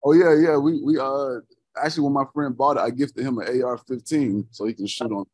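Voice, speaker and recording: A man's voice: mid-range voice, a little mellow. A man from Florida, a chef guest on a casual interview, talking earnestly and restarting his sentences often. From Florida, United States. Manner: earnest, repeats himself, halting restarts. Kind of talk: casual video-call interview.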